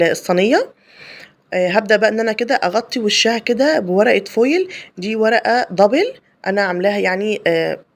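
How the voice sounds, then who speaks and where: A woman with an Egyptian Arabic accent hosting a home cooking video. She explains each step in a chatty way, with many fillers and restarts. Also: medium pitch. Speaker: home cooking channel host. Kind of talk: casual cooking tutorial voice-over.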